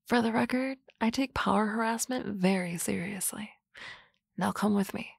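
A woman's creaky, slightly rough mid-range voice, at normal speed, brings a sardonic office-lady boss to life for ASMR roleplay. Dry, teasing banter alternates with soft whispers on a close mic in a dry recording.

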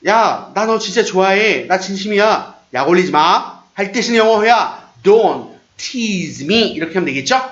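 A man teaching an English lesson in Korean, upbeat, drilling short phrases slowly and over and over. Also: sits high, animated, a bit bright, echoey room, highs cut off.

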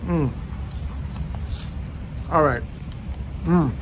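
A man's voice: on the high side, very slow, background noise. A man reviewing pizza in a casual vlog, talking frankly with his mouth full of pizza. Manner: frank, rambling, blunt verdicts.

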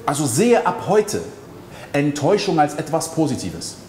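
A man's voice: on the high side, sing-song, normal speed, darkish tone, a little hiss or hum. A man giving a motivational coaching monologue, talking straight to the listener with emphatic rhetorical questions. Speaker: mindset coach. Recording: echoey hall with faint ambience.

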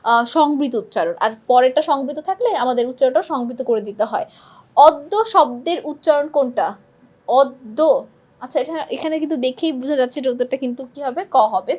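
High-voiced woman teaching. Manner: reads quiz options aloud, then asks and answers her own questions. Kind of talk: exam-prep lesson.

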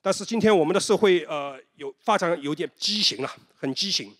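A man with a high-pitched voice delivers a sermon from a church sanctuary, and long reverb trails after his words. He talks like a storyteller, throwing rhetorical questions at his listeners and dropping in the odd English term. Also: a little fast, a bit bright. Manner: mixes in English terms. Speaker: pastor.

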